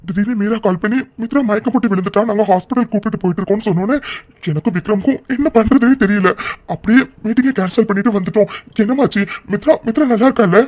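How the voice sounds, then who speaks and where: A worried middle-aged cartoon father, voiced by a man, asks after his daughter with anxious politeness. His tone is mellow, and the recording is dry. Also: mid-range voice, steady tone, a little fast, dry recording, natural voice. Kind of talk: cartoon voice acting.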